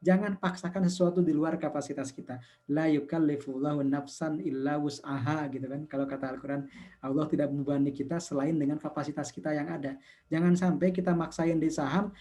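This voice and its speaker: Mellow-voiced man explaining investing. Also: fairly high pitch, brisk. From Indonesia. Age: 50s. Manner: explaining with numbers, quotes callers in lively voices. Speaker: investment community founder. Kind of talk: talk show conversation.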